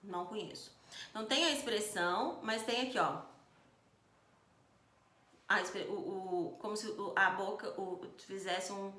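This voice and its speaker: A woman's voice: mid-range voice, a little slow, long pauses, bright, forceful tone, echoey room. A Brazilian Portuguese-speaking woman teaching a recorded video lesson who explains step by step and often checks in with "né?" and "tá?". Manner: explanatory, frequent "né?" and "tá?" checks, acts out example sentences. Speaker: sign language teacher.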